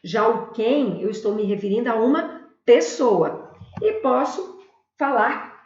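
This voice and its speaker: A Brazilian woman, a Portuguese teacher, giving a recorded video lesson and explaining slowly and carefully with spoken examples. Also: fairly high pitch, expressive, darkish tone. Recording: echoey room, dull lo-fi sound.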